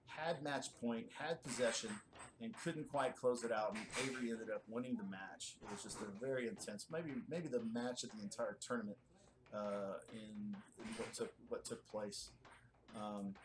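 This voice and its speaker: A man's voice: on the low side, noisy background. A man, giving casual, chatty live play-by-play commentary with many fillers.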